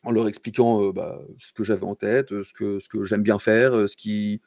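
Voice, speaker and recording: Relaxed joking French man. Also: fairly low pitch, normal speed, no echo, highs cut off. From France. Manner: relaxed, joking, many fillers and restarts. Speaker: guest concept artist. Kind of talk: casual storytelling in a livestream interview.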